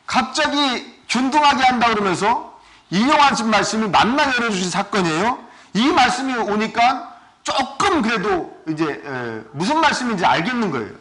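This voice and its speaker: A male pastor giving a sermon, asking his congregation questions and swinging between loud and soft. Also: high-pitched, very animated, moderate pace. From South Korea. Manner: asks the congregation questions often.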